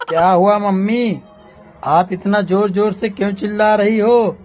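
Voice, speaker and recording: A man's voice: high voice, fairly even intonation, a little slow, darkish tone, muffled recording, soft background music. A man voicing a worried cartoon son asking his mother what happened. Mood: concerned. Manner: concerned questioning. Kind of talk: cartoon comedy voice acting.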